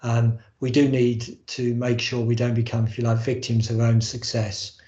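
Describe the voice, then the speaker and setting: A man's voice: mid-range voice, monotone, moderate pace, warm tone. A man chairing a formal board meeting on a video call, speaking with frequent hesitant ums. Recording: muffled, roomy video call audio.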